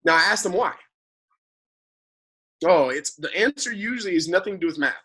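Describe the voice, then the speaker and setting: A man's voice: high-pitched, moderate pace, husky. A man working as a financial advisor, explaining money matters in a casual conversation and often checking in with "right?". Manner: animated, talks in long explanatory runs with frequent "right?" tag questions.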